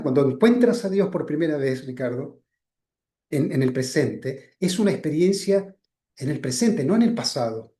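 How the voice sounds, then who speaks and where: A man giving a spiritual teaching talk. He keeps addressing his listener by name, often lets his voice sink softly at the ends of phrases, and checks in with short questions. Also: fairly high pitch. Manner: asks frequent checking questions.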